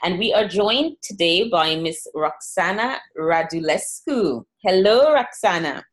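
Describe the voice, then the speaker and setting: A woman hosts a podcast interview, welcoming her guest and drawing her out in an upbeat, encouraging way. Her voice sits somewhat low for a woman. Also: animated, a little slow. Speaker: podcast host.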